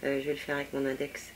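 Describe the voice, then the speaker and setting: A woman's voice: extremely low pitch, slight background noise. A woman chatting casually through a makeup haul, with lots of fillers as she swatches products on her hand. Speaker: beauty vlogger.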